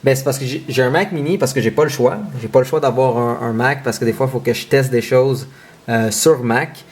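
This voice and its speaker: A man's voice: medium pitch, a little fast, a little mellow. A man from Quebec with a Québécois accent, rambling and joking playfully in a casual vlog. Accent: Québécois French. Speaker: vlogger.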